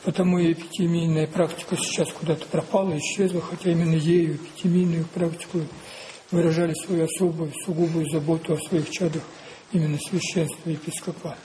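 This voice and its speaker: A male preacher delivering a sermon in a dark, mellow voice. He talks slowly and deliberately, circling back to the same phrases and putting rhetorical questions to his listeners. A faint hiss sits under his voice. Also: a little high, little pitch movement, poor audio.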